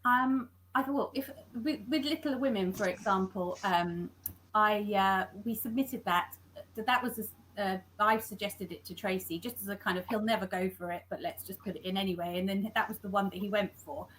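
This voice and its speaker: Over a video call, a scriptwriter discusses her work in a conversational interview. Her mid-range voice is a bit bright, and she keeps stopping, self-correcting, and starting her sentences again; the audio is poor, with a little hiss or hum.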